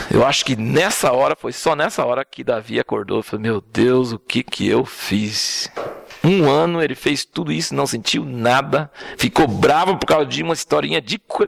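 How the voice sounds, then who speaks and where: A man preaches an informal sermon, telling the story in an animated, conversational way and often checking in with "right?" and "understand?", frequently as "né?" and "entendeu?". His mid-range voice has vocal fry, and there's no room sound.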